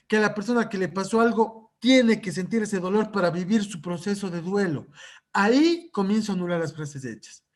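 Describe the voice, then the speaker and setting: A man lecturing at a conference on psychological first aid, checking in with his audience through frequent rhetorical questions. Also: high voice.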